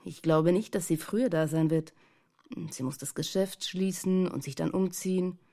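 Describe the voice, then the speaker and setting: A woman reading a storybook does a grown man looking after two children, warm and low in colour. He teases lightly and lays down rules with gentle firmness. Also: fairly even intonation, normal speed, lightly acted. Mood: teasing. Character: adult man, easygoing caretaker of the children.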